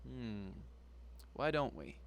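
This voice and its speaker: A man voicing a suspicious male mob boss with a slow drawl. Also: mid-range voice, sing-song, highs cut off.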